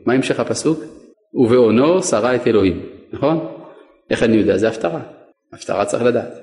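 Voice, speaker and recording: A man's voice: mid-range voice, animated, darkish tone. A man teaching a Torah lesson, putting questions to his students and answering them himself. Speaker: rabbi teaching a class. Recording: echoey room with long reverb.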